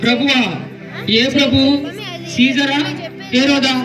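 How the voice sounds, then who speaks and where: A man playing a blind beggar in a stage play, calling out loudly for alms, recorded from a distance with music behind. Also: extremely high pitch, level tone, takes it slowly, echoey room. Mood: pleading. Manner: loud begging wail.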